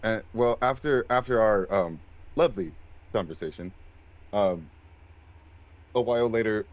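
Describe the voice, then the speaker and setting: A man's voice: lowish voice, a little slow. Hesitant, stammering man at a game table. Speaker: player. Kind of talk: casual tabletop role-play.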